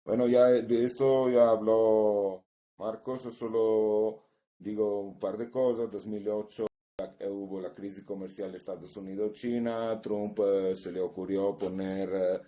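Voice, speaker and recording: Speaking in a level tone, the seminar presenter has a low, mellow voice; he is from Italy, and Italian is his first language. His academic conference talk comes through a video call, delivered in a measured way from notes with pauses as he searches for words.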